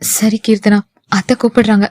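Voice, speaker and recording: A woman's voice: medium pitch, flat delivery, normal speed, a little mellow, no echo, clean studio sound, pitched below the performer's own voice, lightly acted. Brief: irritable older sister in an audio novel, voiced by a woman. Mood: firm. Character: elder sister-in-law, irritable and upset.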